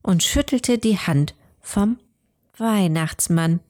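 A woman storyteller narrating a rhyming storybook, measured and sometimes hushed. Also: medium pitch.

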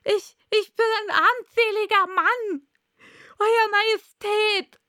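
A woman's voice: high-pitched, lively intonation, slow, bright, forceful tone, no echo, clean studio sound, pitched above the performer's own voice, heavily acted. A woman playing a stammering, trembling hatter. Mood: pleading. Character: frightened trembling male hatter.

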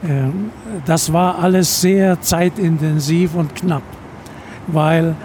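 Man in his eighties, high soft-toned voice, measured reminiscing, faint cabin noise behind. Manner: deliberate, measured, pauses mid-phrase. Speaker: retired airline captain, interview guest. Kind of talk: reminiscing interview answers. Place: aboard an airliner.

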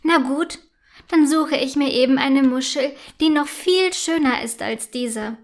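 A woman putting on a bossy little girl who brags and teases her younger sister. The voice sits high and the words come slowly and clearly, like in a children's storybook. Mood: bossy, boastful. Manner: teasing, stubborn, bragging.

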